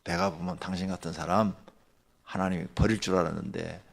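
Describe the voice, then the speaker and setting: A pastor giving a dawn sermon, telling a story in a lively way that swings from hushed asides to loud bursts. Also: male voice, low-pitched, brisk, creaky. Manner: animated, swings from hushed to shouting.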